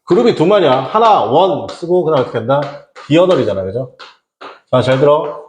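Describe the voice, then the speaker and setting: A man's voice: a little high, lively intonation, fairly quick, reverberant, slight background noise. A man teaching English exam prep in Korean, asking rhetorical questions and answering them himself, with casual slang asides. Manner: rhetorical questions, repeats "어떻게 한다?".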